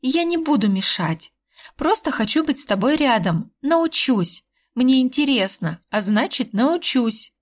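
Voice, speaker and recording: A woman voicing an indignant young wife, sharp and sarcastic, who pleads with her husband. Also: high-pitched, very animated, unhurried, pitched above the performer's own voice, exaggerated voice.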